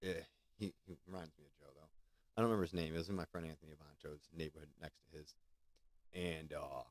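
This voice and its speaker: A man's voice: rumbling low, steady tone, fast, dry recording. A man hosting a podcast, chatting casually in an easygoing, rambling way. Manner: rambling, easygoing, lots of fillers. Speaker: podcast host.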